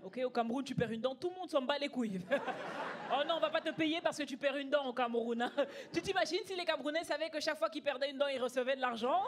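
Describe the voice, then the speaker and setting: Quick-paced and high-voiced, this Belgian comedian in her early 20s does live stand-up storytelling at a comedy club. She's emphatic and conversational, acting out dialogue, with audience laughter and some chatter behind her.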